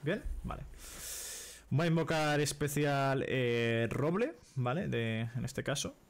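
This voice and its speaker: With a mid-range, expressive voice and an unhurried pace, a young Spaniard talks through his moves in a card game on a live stream. He's in a small home room, says "vale" almost constantly, and uses a desk microphone with a headset.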